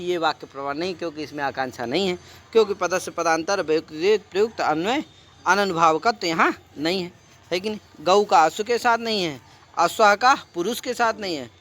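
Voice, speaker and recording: High bright-voiced teacher guy, reciting and explaining, quizzing students nonstop. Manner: quizzing students with repeated questions; mixes Sanskrit recitation with Hindi explanation. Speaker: Sanskrit teacher. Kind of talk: classroom lecture.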